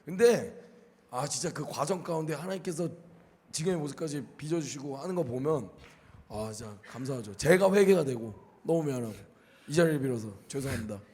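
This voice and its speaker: A man in casual faith talk, telling a story in an expressive way and quoting others in lively voices. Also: a little high, brisk, big-room sound. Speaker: co-host.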